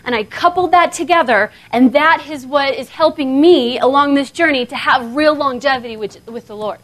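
Woman, 30s, high voice, casual animated seminar preacher. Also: normal speed. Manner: animated, conversational, frequent "okay?" checks. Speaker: seminar speaker. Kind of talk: sermon-style talk. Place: seminar hall before an audience.

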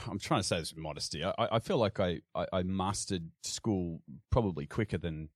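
An Australian man with a very low, deep voice talks casually as an interview guest. He hesitates often, restarting his sentences. The sound is close and dry. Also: brisk, dry recording. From Sydney, Australia. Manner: hesitant, many restarts and fillers, frequent laughs. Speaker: podcast guest.

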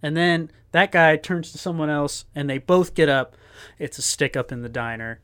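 A man's voice: on the high side, normal speed, a bit bright, smooth. Male podcast co-host, casual rambling movie recapper, heavy on fillers. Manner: rambling scene-by-scene retelling with fillers.

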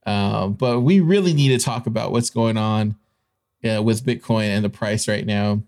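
A man's voice: on the low side, normal speed, darkish tone. A man hosting a show with informal, partly ad-libbed news commentary, repeating phrases for emphasis. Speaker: host of a crypto news show.

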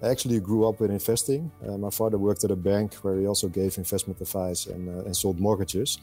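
A middle-aged Dutch man speaks in a low, mellow voice, talking through his work as a podcast guest. He is measured and hesitant, often pausing on "uh" between thoughts. Faint music sits underneath. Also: fairly even intonation. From Netherlands. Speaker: podcast guest, fund selector. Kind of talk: conversational interview answers.

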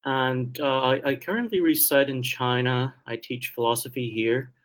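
A guest theologian from Taiwan, speaking with a slight Taiwanese Mandarin accent, answers interview questions hesitantly, pausing and restarting often. His voice is medium in pitch.

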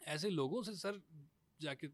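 A man's voice: fairly high pitch, fairly bright tone, no echo. A man, a scriptwriter guest who talks hesitantly and often restarts his phrases. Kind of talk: casual studio conversation.

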